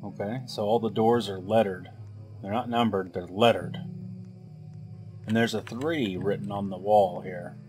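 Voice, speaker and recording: A man's voice: lowish voice, fairly even intonation, measured pace, darkish tone. A man giving a let's play commentary, thinking aloud as he puzzles through a game and drops wry asides, with game music behind him. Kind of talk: gameplay commentary.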